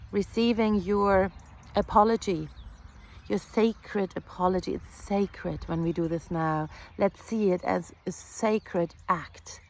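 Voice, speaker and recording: A woman healer giving an earnest, reflective spiritual talk, repeating phrases and pausing softly. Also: lowish voice. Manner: slow, earnest, with soft pauses and repetitions.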